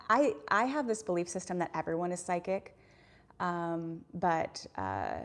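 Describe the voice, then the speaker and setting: Reading out viewer comments on a casual YouTube livestream, a woman in her thirties talks earnestly and ramblingly, using plenty of fillers. Her voice is on the low side.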